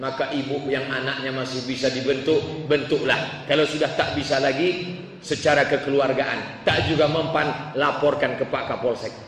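A man preaching a sermon, telling stories and acting out the people in them in an animated way. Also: medium pitch, normal speed. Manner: animated, acts out voices of people in his stories. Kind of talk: sermon with storytelling. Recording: echoey hall, voice from far off, faint noise.

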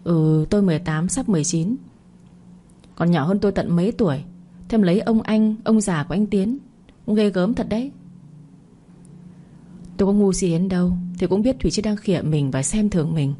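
A young woman narrating a first-person story in a plain, steady way. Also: medium pitch, normal speed, long pauses.

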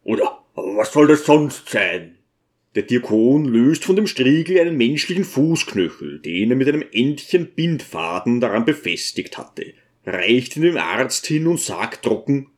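A male narrator reads a classic novel aloud in a measured, expressive way. He takes an unhurried pace. His pitch rises and falls a great deal. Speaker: audiobook narrator. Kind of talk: scripted narration.

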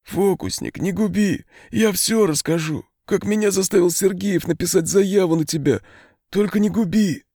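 A man's voice: animated, a little fast, darkish tone, no room sound, clean studio sound. A man voicing a frightened, cowardly prison orderly who wails and pleads. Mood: pleading. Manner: shrill, pleading, wailing.

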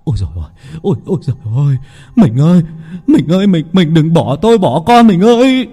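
A man voicing a rough village father who swears and wails loudly, in a spoken ghost story. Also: medium pitch, wildly swooping pitch, quick pace, in a large hall. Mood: wailing. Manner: gruff, swearing, wailing loudly. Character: rough-tongued village father, hot-tempered and cursing.

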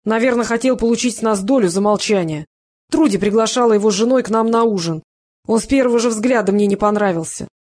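A woman reading aloud does a gruff young thief who barks at his own brother. The voice is blustering and quarrelsome and stays close to the reader's own. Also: medium pitch, fast talker, darkish tone, close to an everyday voice. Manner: barking, blustering.

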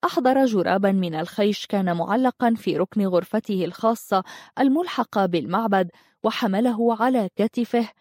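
A woman narrating an audiobook in a calm, measured way. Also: mid-range voice, no room sound, studio quality.

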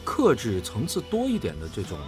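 Speaking at a moderate pace in a mid-range voice with huge pitch swings, a voice actor and drama director earnestly explains his positions with emphasis during a casual panel chat, backed by music.

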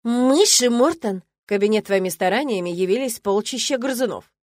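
A shrill, spiteful old lady professor, as a woman reader puts her on in an audiobook, shrieking her scolding lines. The recording is close and dry, with no room sound at all. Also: animated, normal speed, darkish tone, dry recording, close to an everyday voice. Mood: outraged.

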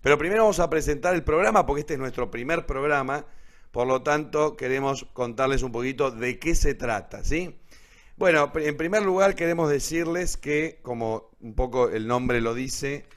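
An adult man, a teacher and writer, hosts and presents a live online radio theatre show. His voice is medium in pitch at a moderate pace, and he explains things while checking in with short tag questions.

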